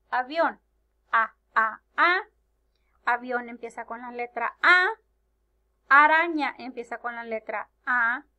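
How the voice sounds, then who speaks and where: Woman, preschool teacher, slow and drawn-out, bright higher voice, checks "ok?" often. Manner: drawn-out words, syllables clapped and repeated; asks "ok?" after each step. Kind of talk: slow, patient lesson for young children.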